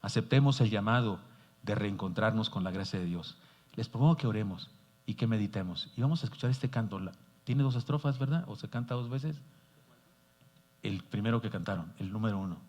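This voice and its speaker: A man preaching a sermon as pastor, telling a story in an earnest, animated way. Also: on the low side, brisk. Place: church sanctuary. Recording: dull sound, long church reverb.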